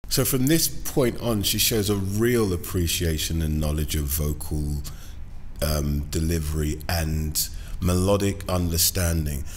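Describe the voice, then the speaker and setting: A British man coaching singing, breaking down a performance line by line in a measured way, with frequent pauses and short sung examples. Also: deep voice, steady tone, slight background noise. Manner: measured, many "um"s, sings short demo phrases. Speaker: vocal coach. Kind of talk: singing lesson analysis.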